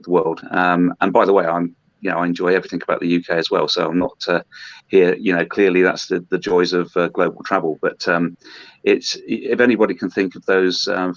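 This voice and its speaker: A man from Hong Kong, a brewery representative, talking in a podcast interview with many pauses and restarts. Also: low voice, no echo. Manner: hesitant, many ums and restarts. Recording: dull lo-fi dry sound.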